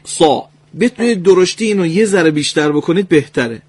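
A man's voice: high voice, lively intonation, a little mellow, slightly rough. A man hosting a live call-in radio lesson, patiently and politely coaching a caller's Quran recitation by drilling single sounds.

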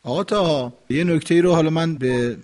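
A man's voice: on the high side, darkish tone. A man hosting a radio call-in show, patiently correcting callers' recitation and demonstrating pronunciation. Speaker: radio host and recitation teacher. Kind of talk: instructive radio call-in talk. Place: radio studio.

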